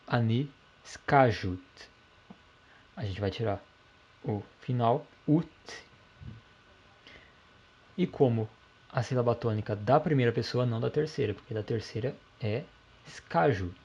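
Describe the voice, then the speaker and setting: A man teaching a language lesson, calmly explaining grammar step by step and checking in with the listener often. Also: mid-range voice, breathy edge, highs cut off.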